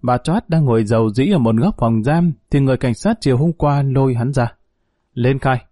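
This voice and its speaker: A man narrating a story audiobook in a steady, measured storytelling manner. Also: mid-range voice, dry recording, clean studio sound.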